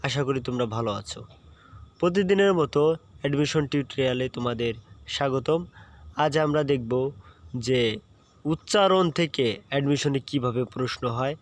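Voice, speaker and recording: A man's voice: mid-range voice, animated, moderate pace, pauses often. A man teaching an admission-prep lesson, patient and repeating key points while checking understanding. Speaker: admission tutor. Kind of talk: online exam-prep lesson.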